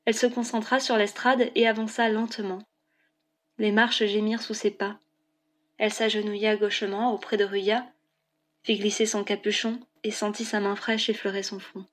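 A woman narrating a novel as an audiobook in a clear, even storytelling delivery. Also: medium pitch, normal speed.

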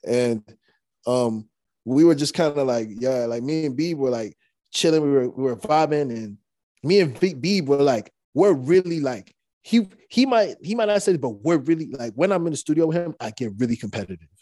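A young male rapper, guesting on an interview, rambles through casual stories at a moderate pace, stopping to restart and dropping lots of fillers. The mid-range voice is relaxed, and there's no room sound.

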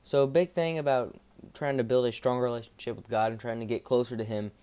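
In a clear, resonant, medium-pitched voice, a man speaks in a monotone through a casual devotional podcast, rambling informally with halting self-corrections.

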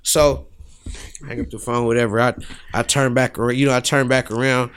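A man's voice: medium pitch, flat delivery, normal speed, fairly bright tone, smooth. A man, a rapper guest on a podcast, telling a story in a loose, laid-back way with lots of fillers. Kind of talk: casual storytelling chat.

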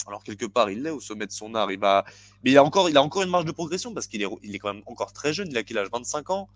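A man co-hosting a podcast, chatting casually and haltingly with frequent restarts and fillers. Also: medium pitch, animated. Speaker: podcast co-host. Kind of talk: casual chat about boxing.

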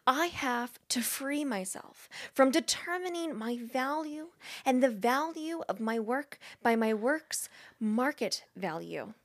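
A woman putting on a slow, hushed voice to imitate an author reading her own advice aloud. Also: high-pitched, animated, full character voice. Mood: solemn. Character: woman impersonating a self-help author, solemn reading.

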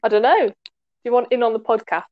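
A woman's voice: fairly high pitch, fast, dry recording, highs cut off. A woman guest on a casual podcast, self-deprecating and giggly. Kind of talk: casual chat.

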